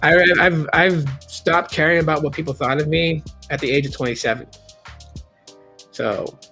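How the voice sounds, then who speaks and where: A man's voice: fairly high pitch, fairly even intonation, normal speed, creaky, sharp tone, faint music behind. A man in his late thirties hosting a live stream, talking candidly in a rambling, casual way with many restarts and reading chat aloud. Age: 30s.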